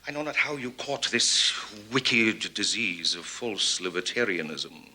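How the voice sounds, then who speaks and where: A man's voice: lowish voice, lively intonation, unhurried, sharp tone, husky, full character voice. An actor playing a pompous aristocratic English statesman, lecturing in a period film. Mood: haughty. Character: haughty aristocratic English statesman, older man. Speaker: Lord North, Prime Minister.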